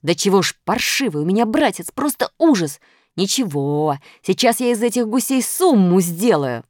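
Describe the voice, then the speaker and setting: A woman reading a storybook and voicing Plus, a quick-tempered but helpful male character who speaks in brisk exclamations. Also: medium pitch, very animated, a little mellow, no room sound, clean studio sound, natural voice.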